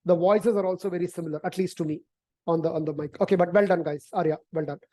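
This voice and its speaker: A woman with a lowish, dark-toned voice talks fast in a steady tone while teaching an online algebra class. She explains conversationally, repeats words, and often ends sentences with "right?".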